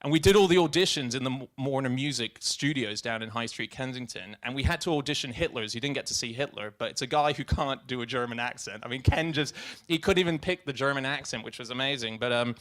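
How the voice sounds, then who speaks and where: Brief: young guest, mid-pitched, rambling stop-start storyteller. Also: male voice, fast, few pauses, fairly bright tone. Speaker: guest filmmaker. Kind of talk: live on-stage conversation. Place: stage at a film festival event.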